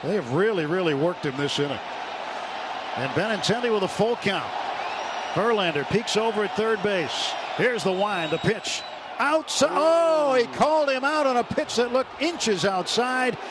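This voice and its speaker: Over a noisy crowd, a high-voiced American man with lively intonation calls baseball play-by-play at a moderate pace. It's live radio commentary from a stadium booth, recorded as a noisy ballpark broadcast.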